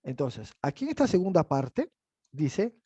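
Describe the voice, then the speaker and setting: A man's voice: fairly high pitch, sing-song, unhurried, warm tone, slightly rough, no room sound, dull audio. A man teaching a bible class, explaining step by step and checking in with the listeners as he goes. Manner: explanatory, asks the audience "¿verdad?".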